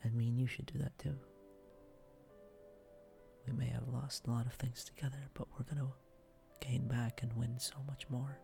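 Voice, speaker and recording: A man whispering softly in an intimate, affectionate boyfriend roleplay for ASMR. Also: mid-range voice, little pitch movement, normal speed, vocal fry, long pauses, over music.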